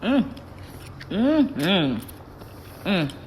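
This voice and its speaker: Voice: mid-range voice, big pitch swings, extremely slow, a little hiss or hum. A person chatting casually for a food tasting vlog, chewing while talking and short of breath from spicy food.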